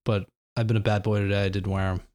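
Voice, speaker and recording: A man's voice: lowish voice, level tone, fast talker, a little mellow. A man hosting a podcast in casual chat, laid-back and self-mocking. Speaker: podcast host.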